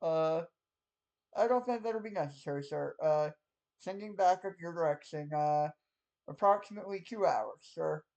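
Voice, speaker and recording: A man's voice: fairly high pitch, normal speed, vocal fry, darkish tone, lo-fi sound. A man voicing a nervous male military radio dispatcher who hesitates and stammers, with many "uh"s and "sir"s. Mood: flustered.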